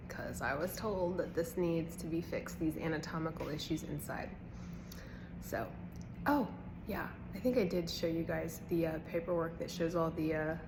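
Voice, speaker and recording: A woman with a slightly low voice records a casual personal vlog while recovering from dental surgery the day before. She talks earnestly and with emphasis, wandering from point to point. The recording has clearly audible noise. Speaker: health vlogger.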